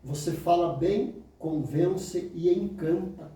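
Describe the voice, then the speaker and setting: A man's voice: takes it slowly, warm tone. Emphatic Brazilian man in an echoey room. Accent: Brazilian Portuguese. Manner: emphatic, mimics excuses in a higher voice, then answers low and firm. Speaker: oratory teacher. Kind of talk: motivational lecture. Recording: very echoey room, mic far off.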